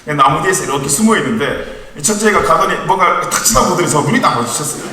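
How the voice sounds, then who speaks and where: This youth ministry evangelist, a man in his thirties, speaks fast with a fairly high, expressive voice while crowd noise carries in the background. He delivers a chatty, lightly humorous sermon full of family stories, captured from far off in a church hall with lots of echo.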